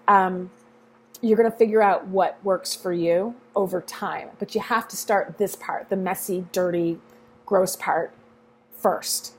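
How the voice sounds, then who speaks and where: A woman's voice: mid-range voice, fairly even intonation, measured pace, a little hiss or hum. A middle-aged woman coaching a group in a casual, frank and encouraging way, now and then swearing offhandedly.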